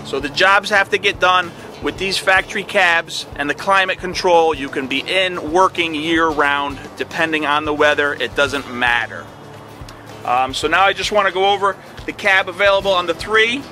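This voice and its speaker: A man's voice: fairly high pitch, fairly even intonation, moderate pace, sharp tone, soft background music. A middle-aged man, an equipment dealer salesman, giving a plain product walkthrough with fillers, outdoors on a lot and then inside a tractor cab.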